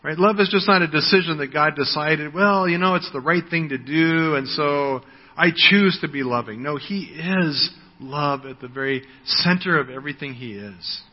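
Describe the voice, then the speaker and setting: Conversational American preacher in his sixties, slightly higher voice, long hall reverb, muffled lo-fi sound. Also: normal speed. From United States. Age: 60s. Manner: conversational, frequent "right?", repeats words when starting. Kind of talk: sermon.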